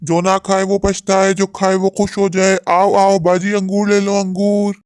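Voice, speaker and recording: A voice actor playing a poor street grape seller, a worried father, calling out in slow sing-song hawker cries. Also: mid-range voice, fairly even intonation, darkish tone, dry recording, clean studio sound, lightly acted. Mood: hawking. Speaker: street vendor calling out wares.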